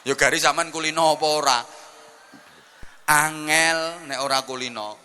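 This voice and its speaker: A man's voice: fairly high pitch, steady tone, normal speed, sharp tone, a little hiss or hum. A man with a Javanese accent giving a comic sermon, joking and teasing the audience in a chatty way. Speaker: preacher.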